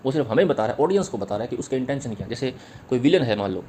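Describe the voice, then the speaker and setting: A male literature teacher races through an exam-prep lecture at a rapid clip. He repeats the key points and sounds out rhythms aloud. His pitch sits right in the middle for a man. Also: animated, dark tone, slight background noise. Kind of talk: exam-prep lecture mixing Hindi and English.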